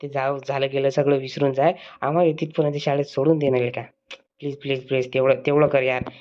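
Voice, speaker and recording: A woman's voice: extremely low pitch, little pitch movement, a little fast, highs cut off. A woman voicing a sly, wheedling village schoolboy in a cartoon. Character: Pappya, sly village schoolboy, pleading and cheeky.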